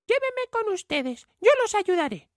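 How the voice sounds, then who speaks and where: A man voicing a tiny, cheeky boy in a storybook reading, with a high squeaky childlike voice. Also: very animated, measured pace, dry recording, studio quality, exaggerated voice. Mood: eager. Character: tiny brave boy Tom Thumb, cheeky.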